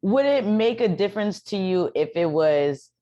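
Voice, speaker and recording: A woman's voice: medium pitch, lively intonation, moderate pace, mellow, highs cut off. A woman co-hosting a casual podcast chat, curious and full of questions. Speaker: podcast co-host.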